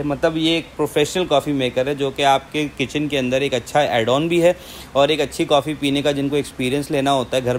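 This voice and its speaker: A man's voice: fairly high pitch, a little hiss or hum. Chatty salesman in a showroom. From Pakistan. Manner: chatty salesman, mixes in English phrases. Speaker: appliance shop presenter. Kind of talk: product demonstration. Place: large indoor appliance showroom.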